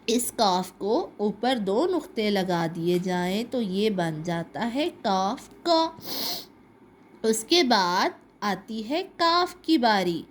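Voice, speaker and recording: A woman teaching a children's alphabet lesson, drawing out letter sounds slowly and asking questions she answers herself. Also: mid-range voice, very animated, slight background noise. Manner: slow, drawn-out repetition of letter sounds.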